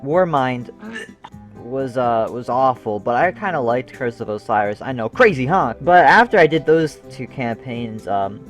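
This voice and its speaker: A man's voice: medium pitch, lively intonation, unhurried, soft background music. Young guy telling his gaming story, jokey and self-deprecating, swears a lot, plain middle voice. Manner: self-mocking, jokey, swears, breaks off into laughs and asides. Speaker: gaming video creator. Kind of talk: comedic scripted narration.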